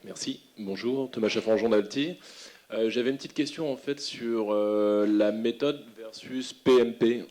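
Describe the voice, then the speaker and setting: A man's voice: mid-range voice, measured pace, mellow. A man in the audience of a conference putting a spontaneous question to the speakers.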